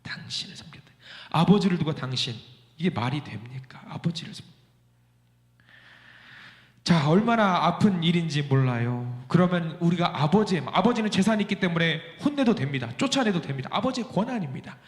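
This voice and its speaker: A male pastor preaching a sermon in a church, acting out the voices in his text, swinging between loud outbursts and soft, almost whispered lines. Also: a little high, animated, moderate pace. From South Korea. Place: church sanctuary. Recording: echoey church hall.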